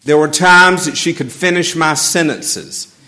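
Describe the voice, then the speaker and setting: In a church sanctuary, an Atlanta pastor with a Southern accent gives a funeral sermon that is measured and reflective, touched with gentle humor. He has a fairly high-pitched male voice.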